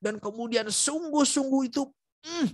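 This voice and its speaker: A man's voice: extremely high pitch, normal speed, dry recording. A male preacher tells a personal story at an online prayer meeting, acting out the back-and-forth between people. He often speaks straight to his listeners. His voice sounds close and dry, with no room sound. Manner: lively storytelling, acting out dialogue; addresses listeners directly. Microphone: video call.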